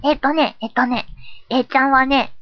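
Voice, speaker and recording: A woman's voice: sits high, steady tone, normal speed, dull audio, close to an everyday voice. Young woman doing a cutesy moe girl voice. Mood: bubbly. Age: 20s. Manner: bubbly and childish. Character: silly cutesy girlish alter ego.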